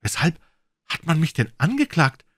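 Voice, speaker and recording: A man voicing a panicked, bewildered male prisoner in a read-aloud crime story, with a hoarse, strained voice. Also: a little high, big pitch swings, normal speed, a bit bright, no echo, studio quality, pitched above the performer's own voice, heavily acted.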